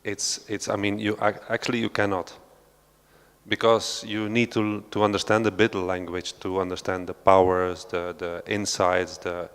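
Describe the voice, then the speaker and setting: At a moderate pace and with a flat delivery, a Belgian man with a lowish, fairly bright, clean voice speaks unscripted on a panel. He hesitates, fills pauses and restarts often, and the art centre's large hall adds long reverb.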